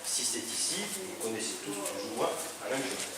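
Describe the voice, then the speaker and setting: A man's voice: medium pitch, big pitch swings, normal speed. A man teaching a self-defense class, explaining holds step by step while demonstrating on a partner. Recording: echoey hall, distant mic, noisy.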